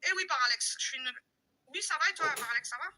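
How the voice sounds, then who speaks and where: A woman hosting her own live stream in a heated rant. Her voice sits high and cuts hard and bright. She talks like a self-proclaimed loudmouth, insulting, repeating and addressing her viewers directly. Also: expressive, quick pace, slight background noise, rough recording. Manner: loud-mouthed, insulting, confrontational.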